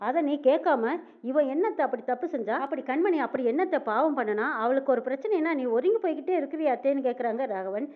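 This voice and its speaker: Brisk, high woman storyteller; tinny phone-like recording, rattles through dialogue. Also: expressive. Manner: narrates quickly, reads out each character's lines with tags like "she says". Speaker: narrator retelling a TV serial episode. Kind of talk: fast storytelling recap voicing all characters.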